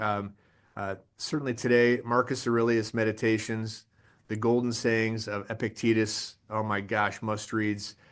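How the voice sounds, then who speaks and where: A man presenting a leadership webinar in a casual, energetic, conversational way, often restarting his sentences. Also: lowish voice. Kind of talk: casual motivational talk.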